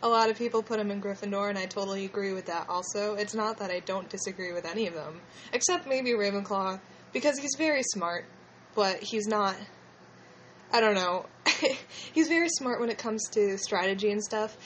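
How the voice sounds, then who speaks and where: A woman's voice: medium pitch, brisk, a bit bright, a little hiss or hum, low-quality recording. A woman with a slushy lisp hosting a casual fan discussion in a hesitant, rambling way. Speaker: podcast host.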